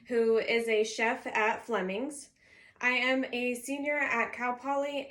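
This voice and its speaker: A 21-year-old college student reads a prepared speech introducing herself to her class, laying it out in a structured, signposted way. She grew up in California and speaks Arabic as her first language. Her voice is a little high and a bit bright.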